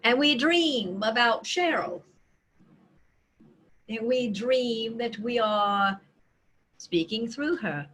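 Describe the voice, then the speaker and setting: A woman speaking as a seance medium in trance, voicing a loving, serene spirit collective with solemn, deliberate phrasing and dramatic pauses. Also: a little high, lively intonation, fairly bright tone, slight background noise. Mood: welcoming, delighted.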